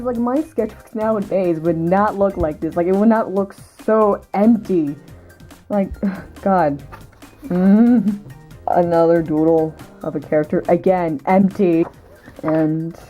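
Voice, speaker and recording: A young woman with a low, mellow voice chats through her old sketches. She rambles with fillers, giggles at herself and mocks her own work. Faint music plays softly behind her. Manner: rambling, giggly, self-mocking. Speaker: artist showing old sketchbook. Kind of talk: casual vlog narration.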